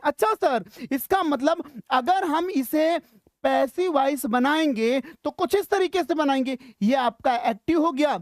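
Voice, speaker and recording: Mixing Hindi and English, a high-pitched woman with an Indian accent runs a casual grammar lesson, chatting warmly, encouraging her learners, and regularly making sure they're keeping up. The studio-quality recording has no echo.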